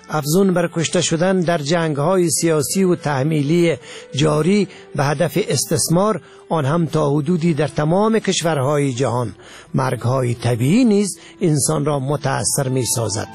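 A man from Afghanistan with an Afghan Dari accent, reading a scripted essay in a measured way. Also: a little high, vocal fry, a little mellow, faint music behind. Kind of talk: scripted narration.

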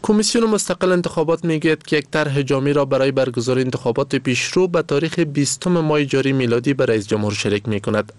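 A male radio newsreader with an Afghan Dari accent delivers the bulletin solemnly and formally. His pitch is mid-range for a man, and the recording is dry and close, with no room sound. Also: no echo. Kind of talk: scripted news bulletin reading.

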